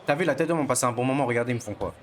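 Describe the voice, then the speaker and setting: A young man narrates his own gameplay with excitable bragging and street slang, his voice sitting at an ordinary middle pitch. Game noise runs clearly underneath him. He talks straight to his viewers as if they were friends. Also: racing. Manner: boastful, excitable, slangy trash talk to viewers. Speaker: gaming streamer. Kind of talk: casual gameplay commentary.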